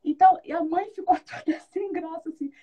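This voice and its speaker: A woman's voice: very high-pitched, a little fast. A woman being interviewed about being a mother, telling good-humored stories and acting out what people said. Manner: animated storyteller who acts out quoted dialogue; good-humored, laughs often. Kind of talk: casual conversational interview.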